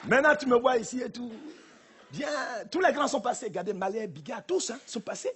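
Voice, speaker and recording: On a theater stage, a male stand-up comedian performs a live routine, teasing the crowd with punchy delivery. His very high-pitched voice has lively intonation and runs a little fast, and the live recording picks up audience and noise.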